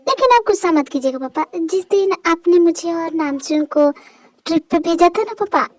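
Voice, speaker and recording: A voice actor doing a fretful young mother who pleads over and over with her father. The voice is very high and sounds dry and close, as in an amateur fan dub drama. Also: animated, normal speed, no room sound. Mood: pleading. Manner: pleading, keeps saying "papa". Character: worried young mother, woman, fussy and emotional.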